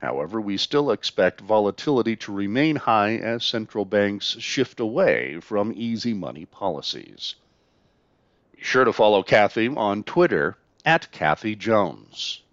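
Male financial newsreader, formal and measured scripted market report, mid-range voice, dry and slightly muffled sound. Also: mid-range voice, fairly bright tone, dry recording. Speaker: market news reader.

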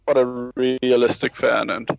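A man's voice: medium pitch, steady tone, moderate pace, vocal fry, dull audio. A man talking rugby in a casual, rambling way, with many restarts and self-deprecating asides. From South Africa. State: parent with a baby nearby. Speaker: rugby podcast panelist. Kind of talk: casual chat.

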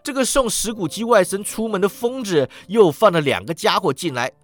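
Animated man telling a storybook tale. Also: high voice, brisk, faint music behind. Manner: animated, with many "ai" interjections. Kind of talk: reading a storybook aloud.

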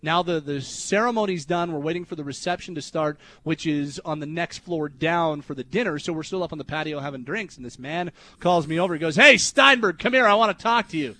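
A young adult man hosting a radio show, telling a story in an animated way that turns loud and high when he retells his anger. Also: fairly quick, few pauses. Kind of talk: casual storytelling on talk radio. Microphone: studio microphone.

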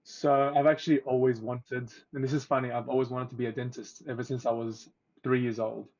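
A man in his twenties, an oral health therapist from Egypt, talking casually as a podcast guest with a relaxed, chatty manner and easy laughter. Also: mid-range voice, fairly quick. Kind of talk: casual interview. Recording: dull lo-fi audio.

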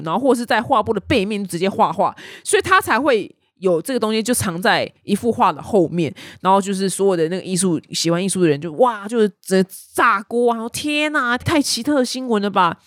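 A young adult woman, hosting a casual news chat with animated storytelling. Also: mid-range voice, a little fast, few pauses, no room sound, studio quality. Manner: chatty, animated storytelling with voiced quotes. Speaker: news podcast host.

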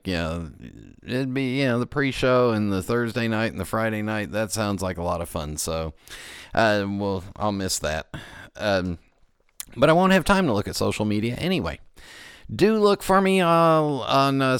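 A middle-aged American man hosting a casual radio-style podcast, rambling along with dryly joking asides. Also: on the low side. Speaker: podcast host. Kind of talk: casual radio-show talk.

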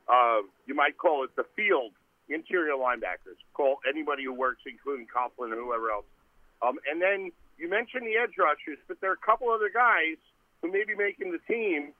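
Caller on a clipped phone line. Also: male voice, on the high side, no room sound. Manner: rambling, thinking aloud mid-sentence. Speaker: caller to a sports radio show. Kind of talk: casual call-in chat.

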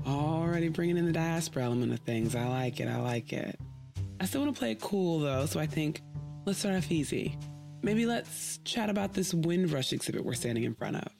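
A woman's voice: low voice, expressive, fairly quick, vocal fry, over music. A woman podcast host from the United States, narrating her story in a wry, conversational way.

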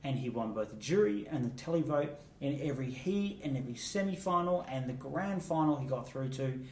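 Co-hosting a relaxed talk about song contest entries, a man speaks fondly and chattily, laughing a lot. He's animated and brisk, medium in pitch and a little mellow. The mic is set back, giving a roomy echo, with a bit of hiss or hum.

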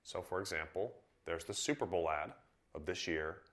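A man from Idaho in a casual podcast chat, relaxed and reflective, restarting phrases as he goes. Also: sits low, moderate pace.

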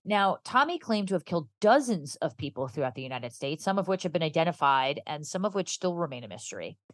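A woman with a low-pitched voice co-hosts a true-crime podcast. She tells the story partly from notes and partly as conversation, recorded dry and close with no room sound. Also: very animated, fast, no echo.

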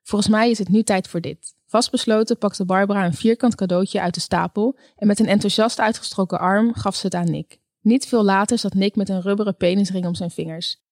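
A woman reads a story aloud at a calm, even pace. Her voice sits in the middle range, and the recording is dry and close with no room echo. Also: medium pitch, brisk. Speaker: audiobook narrator. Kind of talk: scripted narration.

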